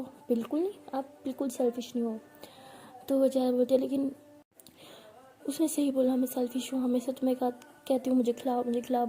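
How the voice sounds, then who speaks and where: In a warm, high-pitched voice, a woman tenderly tells a first-person love story. The telling feels intimate, and she performs the dialogue of both partners herself.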